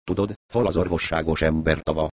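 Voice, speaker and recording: Male reader doing a gruff bearded carver, deep, blunt, storybook. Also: fairly even intonation, no echo.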